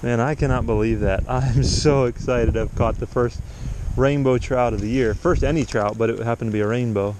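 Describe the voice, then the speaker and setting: Guy fishing a creek, super excited, lots of oh wow oh yes, chest cam mic, faint outdoor hiss. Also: mid-range voice, fairly quick, few pauses. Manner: enthusiastic, exclaiming, laughing often. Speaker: outdoors vlogger. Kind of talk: excited outdoor vlog commentary. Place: outdoors by a mountain stream. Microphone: chest-mounted action camera.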